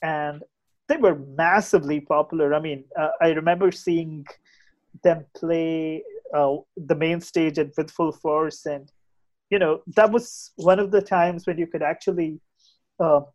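A man's voice: fairly high pitch, steady tone, unhurried, darkish tone, poor audio. A man with an Indian English accent chatting casually and giving opinions as a podcast guest, often repeating and restarting his phrases.

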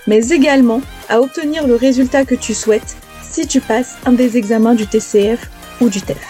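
A woman teacher reading a polished, scripted introduction to her podcast in a clear voice. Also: fairly high pitch, dark tone. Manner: clear, polished delivery over an intro jingle. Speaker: French teacher and podcast host. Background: music bed.

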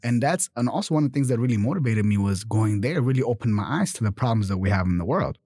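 A man in his twenties, born in Germany, telling his story in a casual interview, animated, often adding "you know" and "right?". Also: mid-range voice, fast talker, no echo, clean studio sound. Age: 20s. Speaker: guest.

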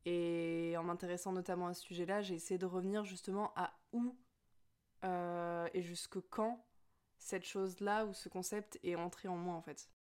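A woman's voice: fairly low pitch, steady tone, normal speed, darkish tone, smooth. A young woman of Spanish and Portuguese family speaking in a personal, reflective monologue, hesitant with many fillers and restarts.

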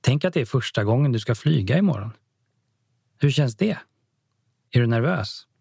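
A man voicing a friendly middle-aged mother welcoming a guest to dinner, lifting his voice higher, with a husky tone. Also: expressive, no echo, clean studio sound. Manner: warm, chatty, hospitable.

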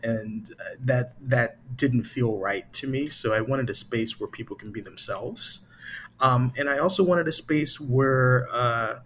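A man's voice: medium pitch, fairly bright tone, a little hiss or hum. A middle-aged man from Chicago with an American accent, talking hesitantly and casually as an interview guest. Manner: halting, hesitant, thinking aloud. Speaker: interview guest, improv company founder.

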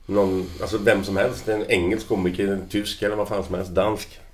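A man with a very low voice asks rambling questions in a laid-back chat. He swears casually and talks bluntly. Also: little pitch movement, a little hiss or hum.

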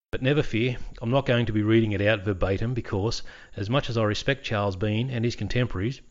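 A man hosts a history podcast, slipping dry, wry asides into his narration. His voice sits fairly low. The audio sounds a little dull and lo-fi. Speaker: podcast host.

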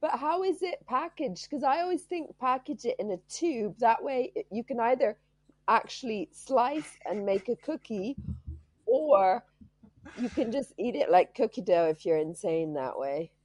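A woman's voice: a little high, expressive, a little slow, a little mellow, dry recording. Dry-witted, under-the-weather woman, closely recorded. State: sick, tired. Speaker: podcast co-host. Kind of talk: casual podcast chat.

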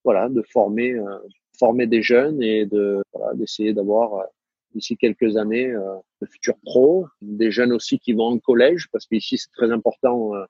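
A man's voice: on the low side, steady tone, normal speed, dark tone, breathy edge, dry recording. A man coach answering interview questions, hesitant, with many fillers and restarts. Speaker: tennis coach. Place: United States. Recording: dull lo-fi dry sound.

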